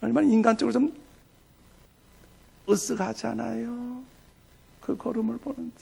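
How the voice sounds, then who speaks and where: High gravelly-voiced male pastor preaching. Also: steady tone, moderate pace. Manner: storytelling preacher, swings from soft asides to loud emphatic bursts. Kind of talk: sermon.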